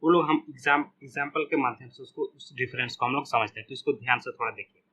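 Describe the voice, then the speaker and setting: A man's voice: medium pitch, fast, sharp tone, slight background noise, poor audio. A man teaching a beginners' spoken English lesson, repeating each example word again and again.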